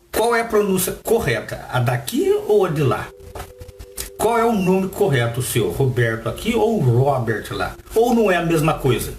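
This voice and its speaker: A Brazilian-accented man reads a passage aloud, then breaks off to explain it in his own words. His pitch swings widely and he keeps asking the listener questions. The voice sounds roomy and echoey, with a faint hiss underneath. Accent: Brazilian Portuguese. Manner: lively, asks the listener rhetorical questions. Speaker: Bible reader and teacher. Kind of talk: reading a text aloud with added commentary. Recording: roomy echo with faint background noise.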